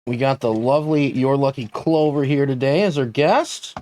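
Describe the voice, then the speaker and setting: A man's voice: mid-range voice, moderate pace, a little mellow, a little hiss or hum. A man in his thirties co-hosting a podcast, chatting casually and joking and laughing a lot. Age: 30s. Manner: jokey, laughs often. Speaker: podcast co-host. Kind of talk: casual chat.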